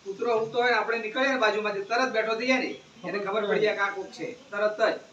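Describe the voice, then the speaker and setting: A man giving an animated moral talk to schoolchildren, often asking them questions. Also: sits high, quick pace, highs cut off, a little hiss or hum. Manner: animated, asks the children questions. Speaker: speaker addressing schoolchildren. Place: school gathering. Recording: echoey room, distant mic, faint ambience.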